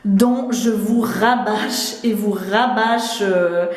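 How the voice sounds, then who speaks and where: A woman's voice: mid-range voice, drawn-out words. Woman, Swiss French accent, chatty, lots of fillers, roomy echo. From Switzerland. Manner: chatty, many fillers and restarts, laughs often. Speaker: beauty vlogger. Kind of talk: casual product chat. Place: home bathroom. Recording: echoey room.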